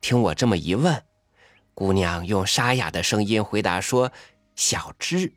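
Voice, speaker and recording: Deep-voiced man reading a story aloud. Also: normal speed, no echo, studio quality, faint music behind. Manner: soft-spoken, intimate, expressive.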